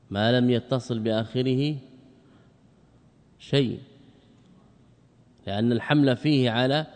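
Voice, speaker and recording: A man's voice: medium pitch, darkish tone. Man quizzing students in an echoing hall. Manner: quizzes students with quick questions and answers them himself; drills word forms slowly, stretching examples. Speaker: Islamic scholar teaching Arabic grammar. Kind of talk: classroom lecture explaining a grammar poem.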